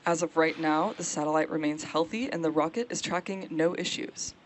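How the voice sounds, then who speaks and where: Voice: medium pitch, brisk, a little hiss or hum. A launch webcast host giving explanatory live commentary on a rocket launch.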